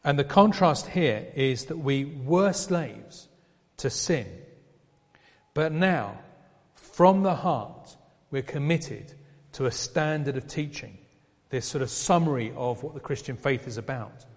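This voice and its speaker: A man preaching an expository sermon, explaining a passage in a measured way with pauses and restarts. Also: medium pitch, expressive. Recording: long reverb of a hall.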